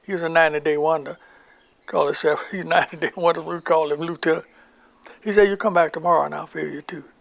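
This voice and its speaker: A man's voice: a little high, fairly even intonation, quick pace, creaky, fairly bright tone. An older man recounting his wartime army memories in an oral history interview, rambling and acting out the voices of people he quotes.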